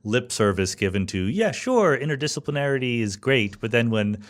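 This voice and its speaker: An American podcast host with a mid-range voice and lively intonation asks questions at normal speed. His interviewing style is thoughtful, informal and conversational.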